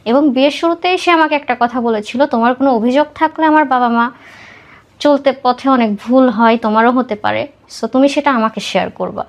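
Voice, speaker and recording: A young woman with a Bangladeshi accent and a high-pitched voice talks a little fast. Appearing as a podcast guest, she recounts her own life story conversationally in an interview, mixing in English words.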